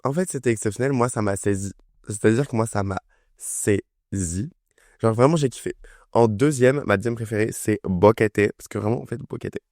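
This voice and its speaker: A man's voice: medium pitch, brisk, darkish tone, no echo, clean studio sound. A young man casually reviewing an album, enthusiastic and chatty, with lots of fillers. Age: young adult. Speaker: music review vlogger. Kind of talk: casual chat.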